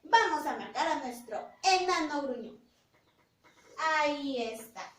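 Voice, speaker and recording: A woman teacher giving a phonics lesson to young children, drawing out words slowly and praising in a sing-song way. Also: sits high, lively intonation, fairly bright tone, slight background noise. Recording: roomy echo, voice from a distance.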